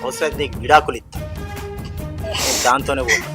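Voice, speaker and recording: A man's voice: mid-range voice, steady tone, fast, close to an everyday voice. An actor playing a harsh village husband who scolds and dismisses his wife. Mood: scolding. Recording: background music under dialogue.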